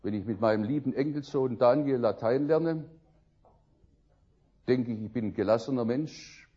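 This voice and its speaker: An older man preaching a sermon, telling stories with lively swings between loud outbursts and quiet musing. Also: mid-range voice, normal speed, husky, highs cut off.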